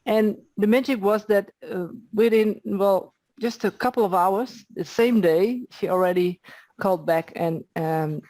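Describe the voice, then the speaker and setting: A woman's voice: medium pitch, unhurried, dark tone, no echo. A woman at home telling a casual story over a video call, friendly and with some fillers. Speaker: session participant.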